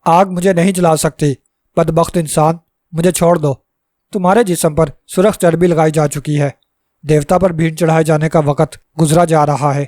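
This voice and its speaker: A wrathful little bald dwarf priest, voiced by a male storyteller, screaming his threats in a fairly high tone. The recording is close and dry, with no room around it. It plays out as a storybook reading. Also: fairly even intonation, a little mellow, dry recording, close to an everyday voice. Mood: furious. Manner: screams in anger.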